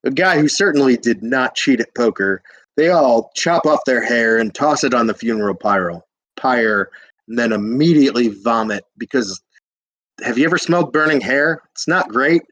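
A man's voice: medium pitch, expressive, moderate pace, a bit bright, no echo, low-quality recording. A drunk young man retelling an old epic in a rambling, slangy way, with hiccups and lots of fillers. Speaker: drunk storyteller.

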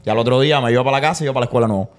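Fast-talking excitable podcast host man. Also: mid-range voice. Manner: excitable, mixes in English slang. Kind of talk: casual chat.

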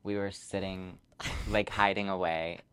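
Young male podcast co-host, very low voice, relaxed and chiming in. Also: measured pace, slight background noise. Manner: chimes in with short echoing remarks. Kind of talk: casual chat.

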